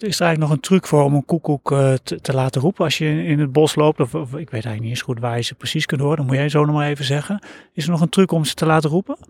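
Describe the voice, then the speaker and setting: A fast-talking male interviewer. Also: fairly high pitch, creaky, a little mellow, husky, dry recording. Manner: quick, stumbling questions. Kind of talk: casual interview questions.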